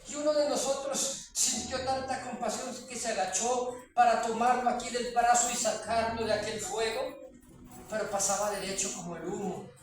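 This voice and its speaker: A woman's voice: fairly high pitch, fairly even intonation, normal speed. Woman preaching in a very echoey hall. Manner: frequent "¿sí?" checks to the audience, repeats phrases for emphasis. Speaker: preacher giving a testimony. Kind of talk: dramatic testimony sermon. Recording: very echoey from far off.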